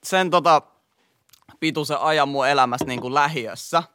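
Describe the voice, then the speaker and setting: A man's voice: a little high, pushed and bright, clear, resonant tone, dry recording, clean studio sound. A man from Helsinki's eastern suburbs with a local slang accent, co-hosting a podcast and giving emphatic advice. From Finland. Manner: emphatic, lecturing tone. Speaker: podcast co-host. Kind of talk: casual chat, giving advice.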